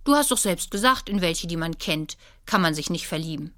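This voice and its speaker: A woman's voice: fairly low pitch, expressive, a little fast, fairly bright tone, dry recording, studio quality. A woman reading a children's story, voicing a shy, hesitant schoolgirl with a cautious, tentative manner.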